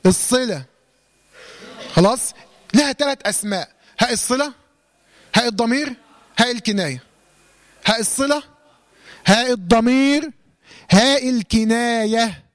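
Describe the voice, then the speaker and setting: A high-pitched man with an Egyptian Arabic accent teaches Quran recitation, firing questions at his students and answering them himself. He draws out his examples in slow, careful recitation. The sound is close and dry, with no room echo. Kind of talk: Egyptian colloquial tajweed lesson.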